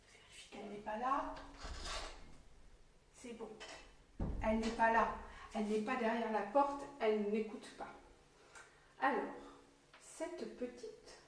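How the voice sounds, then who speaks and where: A French woman teacher, slowly and clearly sounding out syllables for young children. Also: fairly high pitch, steady tone, far from the mic, slight background noise. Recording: very echoey room, voice from off mic.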